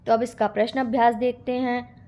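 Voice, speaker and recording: A woman's voice: on the high side, flat delivery, brisk, warm tone. A woman teacher steadily reading out a poem explanation and answers for a school lesson.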